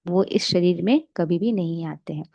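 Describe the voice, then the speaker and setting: A woman giving a calm, explanatory spiritual meditation lesson, asking rhetorical questions as she teaches. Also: on the low side, normal speed, creaky, no room sound, dull audio. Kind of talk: spiritual lecture mixing Hindi and English.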